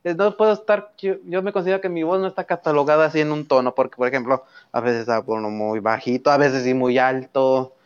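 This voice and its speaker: A man chatting casually with friends, his speech wandering and full of restarts. His voice is smooth and resonant. The mic is muffled and lo-fi. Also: mid-range voice, fairly even intonation, brisk, hardly any pauses. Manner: rambling, self-correcting. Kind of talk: casual voice chat.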